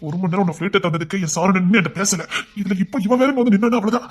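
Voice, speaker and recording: A brash young rowdy, played by a man, rattles off his words quickly in a husky voice. He scolds and lectures with exasperated force, and sounds bitter about love. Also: high voice. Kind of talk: amateur romance drama acting.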